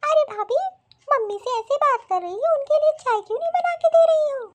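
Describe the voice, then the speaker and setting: A woman's voice: very high-pitched, normal speed. A woman voicing a spoiled young married daughter in a cartoon, whiny and demanding. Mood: indignant. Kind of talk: cartoon voice acting.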